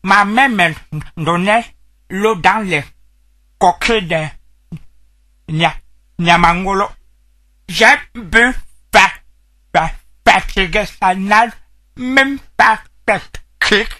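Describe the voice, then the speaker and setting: Man doing a stuttering young guy, slow talker, bright tone. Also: high-pitched, heavily acted. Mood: plaintive. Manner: heavy stutter, repeats syllables. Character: stammering young man seeking a cure. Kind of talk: comedy sketch acting.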